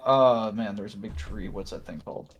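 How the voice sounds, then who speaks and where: A man's voice: lowish voice, breathy edge, dull audio. Hesitant man running a tabletop game. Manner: hesitant, halting, searching for words. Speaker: game master. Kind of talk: improvised narration of a tabletop fantasy game.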